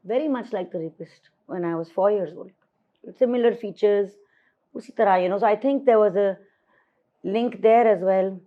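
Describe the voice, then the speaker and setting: Guest, woman, 50s, mid voice, candid and reflective, code-switching, repeats for emphasis; lo-fi podcast sound. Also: mid-range voice. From Pakistan. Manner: reflective, switches between Hindi-Urdu and English, emphatic repetition. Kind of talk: candid interview conversation.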